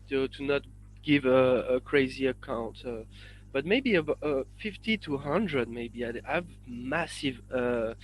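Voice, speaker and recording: A man from France with a French accent, a guest on a podcast interview, talking in a halting way full of fillers and restarts. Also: medium pitch, rough recording. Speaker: guest, independent researcher.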